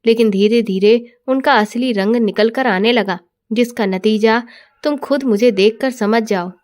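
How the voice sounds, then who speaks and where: A woman's voice: a little high, measured pace, a little mellow, close to an everyday voice. A woman voicing a troubled young wife. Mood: sorrowful. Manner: hesitant, evasive. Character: troubled young wife hiding her pain.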